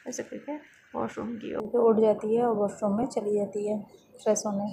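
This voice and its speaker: A woman's voice: mid-range voice, little pitch movement, moderate pace, vocal fry. A woman narrating a romance story in a loose, chatty way with many fillers. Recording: noisy background hiss.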